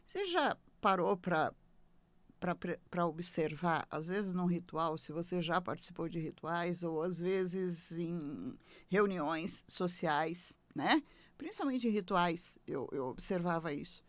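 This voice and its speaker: A woman with a Brazilian Portuguese accent hosting a late-night spiritual advice show, talking in an expressive, emphatic way with playful asides. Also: on the low side, takes it slowly, dry recording. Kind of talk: conversational spiritual teaching.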